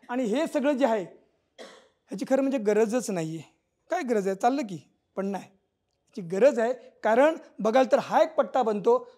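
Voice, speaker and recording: A man's voice: extremely high pitch, a little mellow. Middle-aged male cartoonist, live stage lecture, explanatory, acts out lines. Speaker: cartoonist presenting a talk. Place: auditorium stage.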